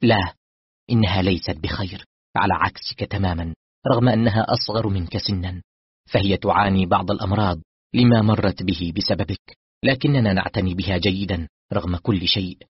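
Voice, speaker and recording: A man's voice: low-pitched, fairly quick, husky, no echo. A man voicing a bitter, scornful young woman who coldly rejects her father, in a dull, dry audiobook recording. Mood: contemptuous. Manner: scornful, stern. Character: bitter young woman, elder daughter, cold and firm.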